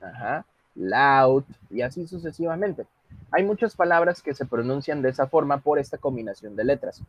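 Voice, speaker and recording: Husky-voiced teacher explaining patiently. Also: male voice, on the high side, fairly quick, dry recording, poor audio. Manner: patient, explains step by step and mixes Spanish with English. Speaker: English teacher. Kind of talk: online English class.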